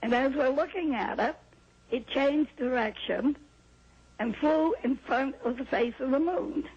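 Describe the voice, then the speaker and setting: An older woman from New Hampshire calmly recounting a personal experience in an interview, heard on an old VHS tape. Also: high voice, a little slow, slightly rough, highs cut off. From New Hampshire, USA. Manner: calm, plain storytelling with small laughs and restarts. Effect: old VHS tape sound. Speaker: interview guest.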